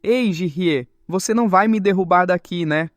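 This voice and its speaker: A cocky, hot-tempered young man full of swagger and complaint, as a man narrator puts him on. The voice runs high and dry, with faint music behind. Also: moderate pace, dry recording, lightly acted.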